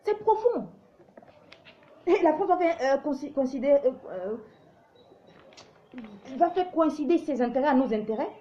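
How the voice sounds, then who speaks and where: A woman's voice: high voice, lively intonation, moderate pace, pauses often, warm tone, highs cut off. A woman from Africa hosting a live show, giving opinionated commentary in an emphatic, preachy way that often stumbles and restarts.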